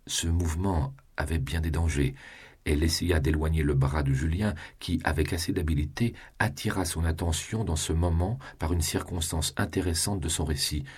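A man narrating a classic novel as an audiobook reading, in a measured, even delivery. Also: a bass voice, slightly rough.

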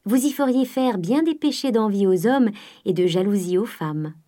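A woman's voice: medium pitch, normal speed, warm tone, lightly acted. A woman reading the part of an affable, coquettish young Parisian dandy, with an airy, polished, lightly teasing manner.

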